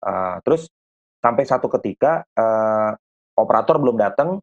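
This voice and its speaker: A man, a guest musician, telling a long anecdote in relaxed, slangy conversation. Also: lowish voice, moderate pace. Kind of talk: casual interview storytelling. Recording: dull lo-fi audio.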